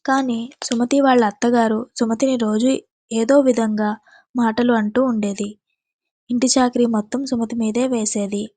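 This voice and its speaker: A woman's voice: fairly high pitch, fairly even intonation, normal speed, dark tone, dry recording. A woman narrating an emotional family story in a plain, sympathetic way.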